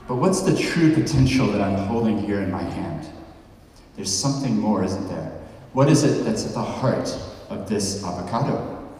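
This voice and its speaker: Heard from a distance through a handheld mic, this podcast host from New Zealand, in his forties, talks conversationally on a big hall's stage and quizzes the crowd. His voice is fairly low and dark, with slight background noise and an echoey, far-off room sound.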